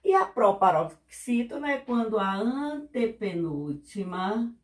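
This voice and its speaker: A woman teaching a lesson at a slow, unhurried pace. She speaks patiently, repeats her examples and keeps checking that her listeners follow. Her pitch sits in the middle range for a woman. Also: big pitch swings. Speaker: Portuguese teacher. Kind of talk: classroom explanation.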